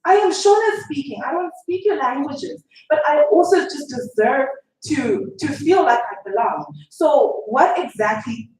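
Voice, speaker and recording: A young woman from Zimbabwe asks an emotional question from the floor, shaky and urgent, talking fast. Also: sits high, expressive, darkish tone. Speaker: audience member asking a question. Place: lecture hall at a public event. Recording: echoey hall, far from mic.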